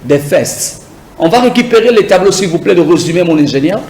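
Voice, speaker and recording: A man teaching a beginner English lesson, drilling words slowly and having viewers repeat after him. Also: sits high, animated, darkish tone, echoey room, rough recording. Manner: slow, repetitive drilling, asks viewers to repeat.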